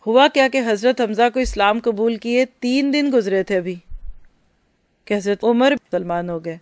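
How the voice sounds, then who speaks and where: A woman's voice: a little high, a little mellow, no room sound. Woman telling religious stories in a dry close sound. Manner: storytelling, addresses listeners directly with questions. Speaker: religious teacher. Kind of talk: religious storytelling lecture.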